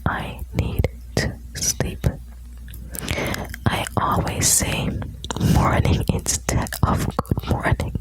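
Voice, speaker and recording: A woman whispers slowly, right up by the ear, in an ASMR style. She is soothing and intimate, reading short lines and adding chatty asides as if to one listener. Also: rough recording. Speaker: ASMR host reading quotes.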